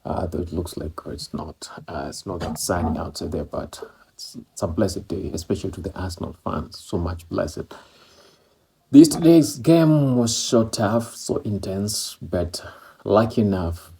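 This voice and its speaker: A football vlogger from East Africa, whose first language is Swahili or Maloko, talks casually in English about a match. His voice is low, gravelly, husky and warm, and he speaks a little slowly. He rambles, with many fillers and repeats.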